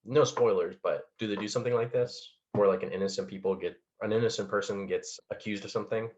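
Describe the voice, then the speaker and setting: A man's voice: fairly low pitch, steady tone, fast talker, darkish tone. A man casually recapping a movie plot with lots of fillers and laughs. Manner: rambling, many fillers and laughs. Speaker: podcast co-host. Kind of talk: casual chat about a film. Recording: dull lo-fi sound.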